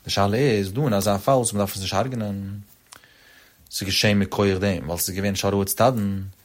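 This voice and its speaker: A man teaching a traditional text study lecture in a rapid, sing-song cadence with sudden rises. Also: lowish voice, fairly even intonation.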